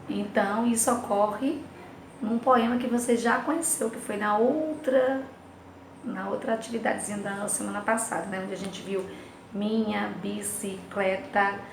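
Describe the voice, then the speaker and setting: A woman's voice: medium pitch, echoey room, background noise. A woman teacher with a Brazilian Portuguese accent, going through a lesson for her class and singing bits of nursery rhymes between the explanations. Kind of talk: recorded remote class lesson.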